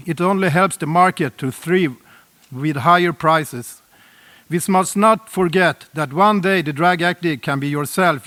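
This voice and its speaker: A middle-aged man from Sweden with a Swedish accent, giving an earnest, deliberate prepared address at a roundtable, with small slips in his English. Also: a little high, a bit bright. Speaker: speaker at a UN roundtable.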